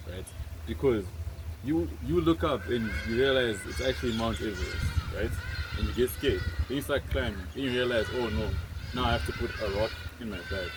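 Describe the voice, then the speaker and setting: A man in his twenties from Zimbabwe, talking casually and earnestly to camera, rambling with lots of fillers. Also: lowish voice. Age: 20s. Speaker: vlogger. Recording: noticeable background noise, rain.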